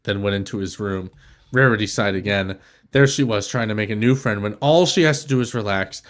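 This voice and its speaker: A man's voice: mid-range voice, fairly bright tone. Man sarcastically reading fan fiction aloud. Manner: sardonic asides, laughing interruptions. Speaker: podcast host.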